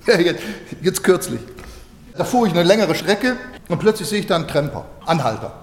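A man preaching a sermon, telling stories lively and acting out the dialogue. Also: high voice, moderate pace, slight background noise. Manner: animated storytelling, acting out dialogue with laughter. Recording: echoey hall.

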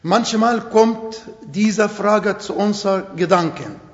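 Long hall reverb and a dull sound surround this slow, emphatic sermon, as if recorded in a church hall. The middle-aged preacher speaks imperfect German with an Arabic accent, Arabic being his native language, and his voice is fairly high.

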